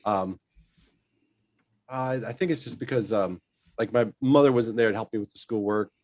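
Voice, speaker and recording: A man telling lively stories as a guest in a casual chat, often laughing as he talks. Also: lowish voice, moderate pace, no echo. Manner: animated storyteller, laughs while telling stories.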